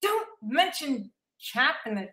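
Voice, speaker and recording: A woman co-hosting a casual group chat on a stream, loud, teasing and swearing a lot. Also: high-pitched, very animated, slow pace, echoey room. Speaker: co-host.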